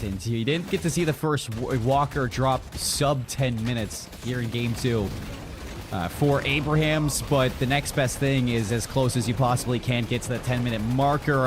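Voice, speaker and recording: A man with a Canadian accent, giving fast, energetic play-by-play for a live esports match. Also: mid-range voice. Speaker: esports caster. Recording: noisy broadcast mix.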